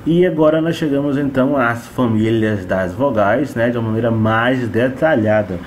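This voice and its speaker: A man teaching English phonics to Portuguese speakers, repeating sounds and words slowly one by one. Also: medium pitch, slight background noise. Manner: slow, drawn-out repetition of sounds and words.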